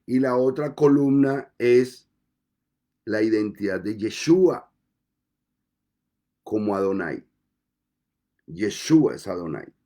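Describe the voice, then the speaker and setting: Slow, mellow-voiced male preacher. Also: lowish voice, expressive. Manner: slow, deliberate preaching with measured pauses. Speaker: pastor. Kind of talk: sermon.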